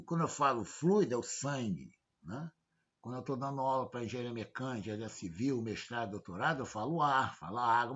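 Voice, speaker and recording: A man's voice: medium pitch, a bit bright. A male professor, giving an informal lecture, constantly checking in with rhetorical questions. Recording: dull lo-fi audio.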